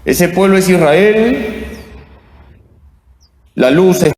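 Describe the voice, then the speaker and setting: Priest, measured pace, somewhat high voice, cathedral echo from far off, long reverb. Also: male voice, lively intonation, a little mellow. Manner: slow, deliberate, with chanted responses. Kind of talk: Mass reading and homily. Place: large church. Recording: echoey church, voice from afar.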